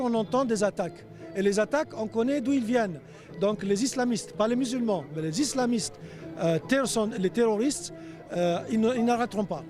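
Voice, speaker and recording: Guy at a street rally, high mellow voice, lots of pauses, keeps pushing his point. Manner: hesitant, many "euh" pauses, insistent. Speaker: protester. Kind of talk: street interview statement. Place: outdoors on a city street.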